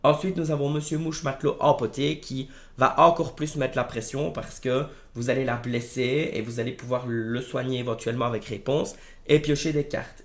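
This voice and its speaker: A man with a hoarse, gravelly voice talks casually to his viewers. He sounds worn and strained in the throat, with plenty of creak, as he presents game strategy in an informal, familiar way. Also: mid-range voice. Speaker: video creator presenting card game decks. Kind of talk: casual gaming video commentary.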